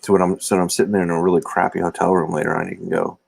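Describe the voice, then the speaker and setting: Gravelly low-voiced man chatting on a livestream. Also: little pitch movement, very fast, no room sound. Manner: rambling, self-deprecating, talks to chat viewers. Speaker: livestream host. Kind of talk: casual livestream chat. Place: indoor room. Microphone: phone or laptop camera mic.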